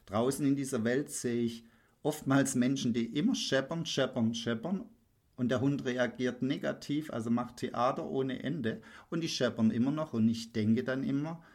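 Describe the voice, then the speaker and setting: Man, dog trainer, blunt and emphatic, casual talk, mid-pitched voice. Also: darkish tone. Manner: blunt, emphatic, mimics his clients in quick dialogue.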